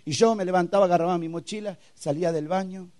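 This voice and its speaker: A young man preaching his own story at a youth camp, acting out quotes and sound effects, swinging between loud and hushed. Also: high voice, fast. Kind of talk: testimonial sermon.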